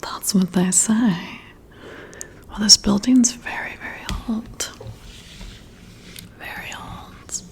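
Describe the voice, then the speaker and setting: This ASMR roleplay has a woman portraying a friendly, competitive boss on a late night at the office, her medium-pitched whisper soft, breathy, and gently teasing. She speaks slowly and pauses often, and the hushed delivery turns a little spooky.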